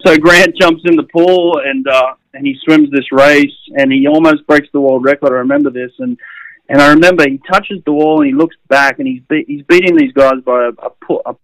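A middle-aged Australian man, a swimming coach and former swimmer, telling animated anecdotes in casual conversation, with frequent restarts and fillers. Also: on the high side, fairly quick, gravelly, no room sound, rough recording. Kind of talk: casual storytelling.

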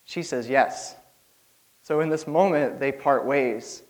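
A man's voice: mid-range voice, slow, low-quality recording. A young man giving an informal church sermon, rambling nervously with lots of fillers and laughs.

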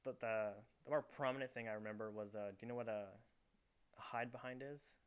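A man's voice: medium pitch, fairly even intonation, a little fast, clear, resonant tone. A young man hosting a casual podcast from his bedroom, telling stories in a rambling way full of fillers. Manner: rambling storyteller, heavy on fillers. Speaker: podcast host. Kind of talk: casual chat. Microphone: camera set up in the room.

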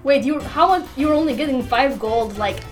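A woman's voice: high voice, brisk, soft background music. A woman chatting casually as a player in a tabletop game.

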